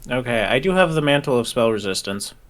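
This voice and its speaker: A man's voice: mid-range voice, animated, brisk. Male tabletop player, middle register, casual in-character talk, matter-of-fact delivery.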